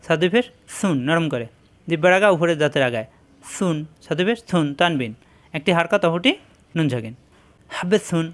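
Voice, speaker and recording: A Quran reading teacher giving a pronunciation lesson, slowly drawing out and repeating single letter sounds. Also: medium pitch, animated. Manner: slow, drawn-out drilling of single sounds with repetition.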